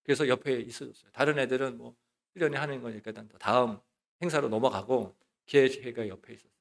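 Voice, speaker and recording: A male associate pastor preaching a sermon in church, asking rhetorical questions and answering them himself, moving between loud emphasis and soft, hushed words. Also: mid-range voice, steady tone, fast talker, gravelly. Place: church sanctuary.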